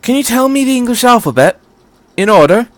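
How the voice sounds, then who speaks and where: A man's voice: very high voice, big pitch swings, brisk, dry recording, voice pushed up. A man voicing an eccentric, playful time-traveling doctor who chatters airily and wanders into digressions, in a story reading. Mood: quizzical. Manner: airy, digressive, quizzical chatter.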